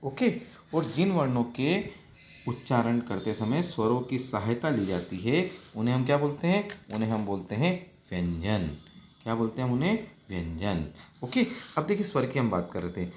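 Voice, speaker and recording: A man teaching a children's grammar lesson, asking questions and answering them himself, spelling words out slowly and mixing in English words. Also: medium pitch, very animated, a little mellow, a little hiss or hum. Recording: echoey room.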